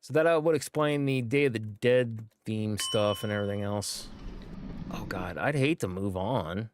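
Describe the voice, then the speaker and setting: An American gaming streamer with a fairly low voice talks at a normal pace, rambling casually through his gameplay with lots of fillers.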